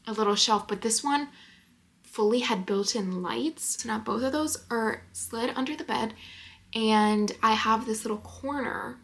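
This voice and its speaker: A woman's voice: on the high side, measured pace, a bit bright. A woman in her early twenties vlogging casually in a small apartment bedroom, chatty and rambling with lots of filler likes. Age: early 20s. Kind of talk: casual chat to camera.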